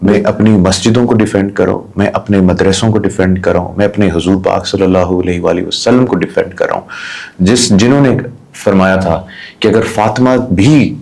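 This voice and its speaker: A man's voice: sits low, fairly even intonation, normal speed, vocal fry, a little mellow. A man hosting a podcast discussion, talking with passion and mixing in English. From Pakistan. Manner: impassioned, mixes English into Urdu. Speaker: host.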